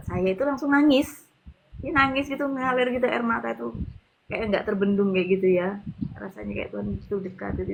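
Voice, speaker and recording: A woman's voice: medium pitch, vocal fry, slight background noise, poor audio. A woman casually telling her testimony in a chatty way, full of fillers, recorded on a handheld phone. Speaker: convert giving testimony. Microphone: handheld phone, no tripod.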